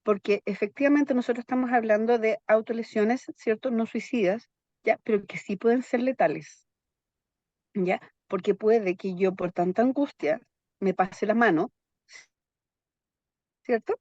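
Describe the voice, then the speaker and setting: A woman's voice: fairly high pitch, measured pace, long pauses, darkish tone, no room sound. Psychologist lady explaining stuff, keeps saying ya? at the end, dry slightly muffled audio. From Chile. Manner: keeps checking in with "¿ya?" tags. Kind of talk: explanatory interview talk.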